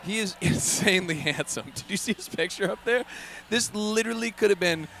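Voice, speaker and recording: Male fight commentator, bright punchy voice, slightly high, chatty and wisecracking, slangy, faint venue noise. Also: brisk, vocal fry. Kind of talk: casual joking sports commentary.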